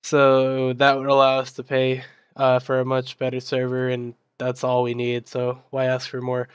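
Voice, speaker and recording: Recovering from losing his voice to illness, a young man acting as server admin talks through a software tutorial casually, with many ums and restarts. He sounds very flat and monotone, medium in pitch and moderate in pace. The recording is dry and close with no room echo, and the sound is smooth and clear.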